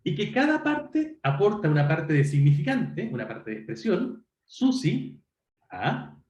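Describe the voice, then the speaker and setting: A man teaching an online lecture in a high, animated voice that rises and falls. He explains step by step, pauses to check in with his students and often corrects himself. The sound carries a roomy echo. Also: muffled recording. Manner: self-correcting, frequent "perdón". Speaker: university lecturer.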